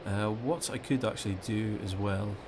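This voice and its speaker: A man's voice: fairly low pitch, normal speed. A man playing an air traffic control game, thinking aloud as commentary and giving clipped, formulaic radio calls.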